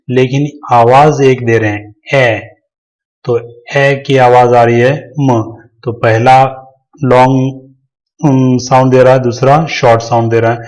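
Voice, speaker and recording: A man teaching English reading in a patient, explanatory voice-over, slowly breaking words into their syllables. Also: mid-range voice, a little mellow, poor audio.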